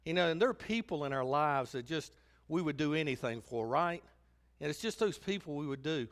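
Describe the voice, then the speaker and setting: A man's voice: a little high, brisk. A man preaching a sermon as pastor, telling stories animatedly and acting out the quotes. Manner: animated storytelling, acts out quotes.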